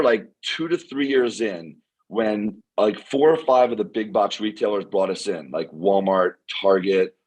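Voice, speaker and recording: A hoarse man, an inventor guest, talking excitedly in a casual interview, repeating words and using lots of fillers. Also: lowish voice, poor audio. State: hoarse, losing his voice.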